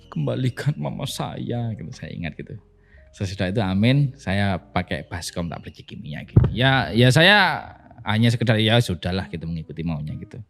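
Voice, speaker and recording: Male pastor, low voice, animated podcast storyteller who acts out quotes.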